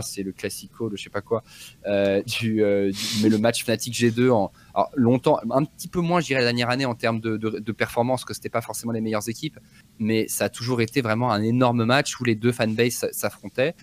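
Low-voiced man, hesitant analytical chat. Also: steady tone, a little fast. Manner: hesitant, builds analogies step by step. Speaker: guest commentator. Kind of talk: casual analytical discussion.

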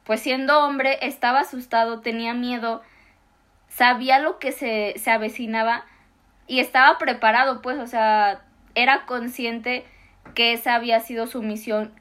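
A young woman with a Mexican accent, casually retelling Bible stories with slangy, animated asides in a faith discussion. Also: fairly high pitch.

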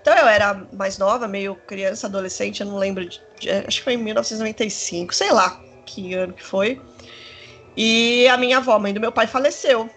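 A woman, telling a personal story in casual chat, rambling and animated with many fillers. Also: mid-range voice, a little fast, faint music behind. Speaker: storyteller in a conversation.

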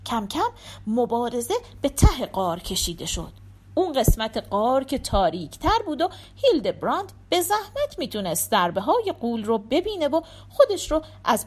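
A woman's voice: fairly high pitch, very animated, darkish tone, slightly rough. A woman storyteller narrating a folk tale in a scripted, dramatic reading.

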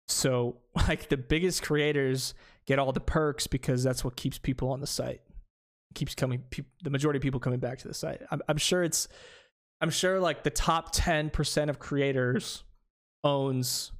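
A man talks loosely in a casual podcast conversation, his pitch sitting right in the middle of the usual range. He rambles, trips over his own words, restarts sentences and fills the gaps with "like" and "um". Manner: rambling, many fillers and restarts. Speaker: small streamer.

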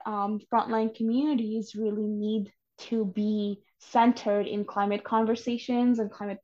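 A young Bangladeshi woman in her twenties, a climate organizer, earnestly explains her views as a guest in a podcast interview. Her voice is mid-range with a darkish tone, and the audio is dull and lo-fi.

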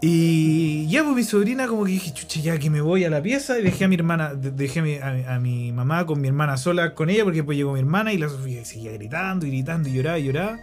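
Chilean man, animated storyteller, slangy, high-pitched. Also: fast, few pauses, faint music behind. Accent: Chilean Spanish. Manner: animated, slangy, acts out voices in quotes. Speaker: podcast co-host. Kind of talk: casual storytelling.

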